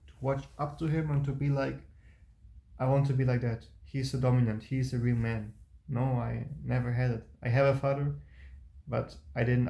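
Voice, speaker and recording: A man's voice: medium pitch, vocal fry, a little mellow. A young man talking through his past in a rambling, hesitant monologue, restarting often. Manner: rambling and hesitant, with many restarts and broken grammar. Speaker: vlogger. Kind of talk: personal reflective monologue. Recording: roomy echo.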